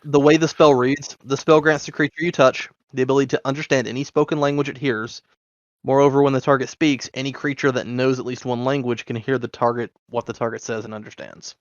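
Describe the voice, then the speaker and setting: A man at mid pitch, eagerly explaining game rules to the group. The sound is dry and close, and the microphone is dull and lo-fi. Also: little pitch movement, fairly quick, dry recording. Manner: eager, rule-explaining talk. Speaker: player. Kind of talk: tabletop game chat.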